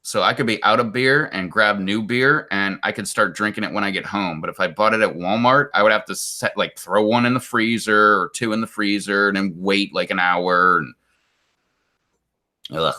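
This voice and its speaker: With a fairly low pitch and a pushed, bright sound, a live stream host in his 40s talks at a moderate pace. His casual chat with viewers is rambling and exasperated, heavy with "like."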